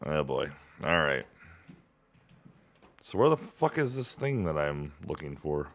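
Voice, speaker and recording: A man's voice: very deep voice, sing-song, a little slow. A man streaming a game live, talking to himself and to chat, easily annoyed and swearing often. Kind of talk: live gameplay commentary.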